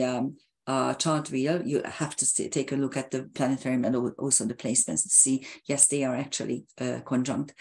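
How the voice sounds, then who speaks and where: A woman astrologer explaining a chart in a halting, hesitant way, hoarse as she is losing her voice. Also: sits low, a little mellow. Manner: halting and hesitant, with frequent filler sounds and restarts.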